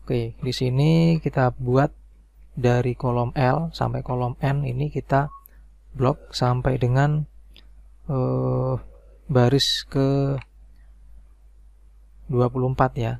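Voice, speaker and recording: A man calmly walking through a spreadsheet tutorial step by step, with frequent "nah" and "oke" fillers. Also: medium pitch, takes it slowly, vocal fry, pauses often, dry recording, clean studio sound. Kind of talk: screen-recorded software tutorial.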